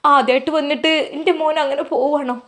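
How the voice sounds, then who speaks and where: A woman's voice: high voice, fairly even intonation, fast, voice pushed up, close to an everyday voice. Woman playing a motherly teacher's wife. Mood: welcoming. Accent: Malappuram Malayalam. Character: kind middle-aged mother, teacher's wife.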